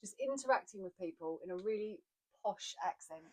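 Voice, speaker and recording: A talkative woman with an Essex accent chats casually about acting, her pitch sitting in a middle range. She tells animated stories and laughs often. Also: brisk. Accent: Essex English. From Essex, England. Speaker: podcast co-host, actor. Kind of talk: casual chat.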